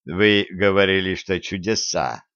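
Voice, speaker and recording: A man voicing a cold, eerie male visitor from another world who speaks slowly and quietly in an audiobook. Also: low voice, no echo. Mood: calm. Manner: slow, quiet and measured. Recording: dry, slightly dull audiobook recording.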